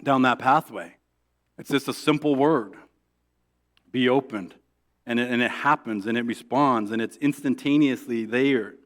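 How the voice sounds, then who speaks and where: A male pastor preaching a sermon in a conversational way, often asking "right?" and restarting his sentences. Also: medium pitch. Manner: acts out quoted prayers in a soft, hushed voice; halting restarts and repeated words.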